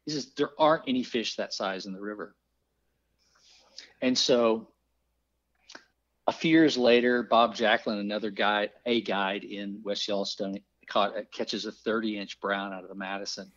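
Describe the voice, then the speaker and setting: Middle-aged man, low voice, animated storyteller, dull lo-fi recording. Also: moderate pace. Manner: lively anecdotes with exclaimed quoted voices. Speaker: podcast guest, fly fisher. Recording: dull lo-fi sound.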